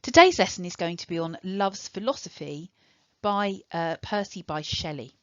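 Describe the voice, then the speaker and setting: English woman teacher, low and dry. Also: expressive, normal speed, no echo, highs cut off. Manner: clear, instructive, step-by-step. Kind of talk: recorded online lesson.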